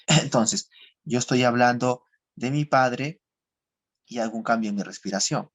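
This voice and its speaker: A man's voice: medium pitch, unhurried. A man teaching an online psychotherapy class, explaining step by step, repeating key phrases and often checking in with listeners. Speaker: psychotherapy lecturer. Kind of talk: online class lecture with role-played examples. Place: home or office, seated for a webcam.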